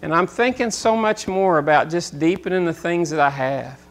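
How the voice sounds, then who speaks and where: A man in his forties preaching a sermon as pastor, rising loud and intense at times, then dropping into quiet, reflective talk. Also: on the high side, normal speed. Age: 40s.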